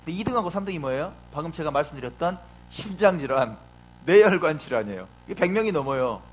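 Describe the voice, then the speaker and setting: Lively Korean pastor preaching. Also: male voice, on the high side, fast talker. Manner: lively preaching with acted quotes and rhetorical questions to the congregation. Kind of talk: sermon.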